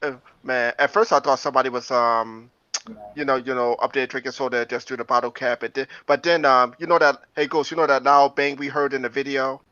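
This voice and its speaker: A man telling a story in an animated way, with many stammering restarts. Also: mid-range voice, fairly quick, no echo. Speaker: paranormal investigator. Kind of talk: casual storytelling. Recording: dull dry close sound.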